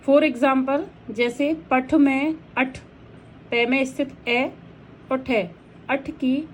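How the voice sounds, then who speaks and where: A woman teacher talks through grammar rules at an unhurried, deliberate pace, setting out one example after another. Her voice sits a little high. A faint hiss runs under the recording. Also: darkish tone, poor audio. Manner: slow, methodical explanation of rules with examples. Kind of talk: recorded lecture.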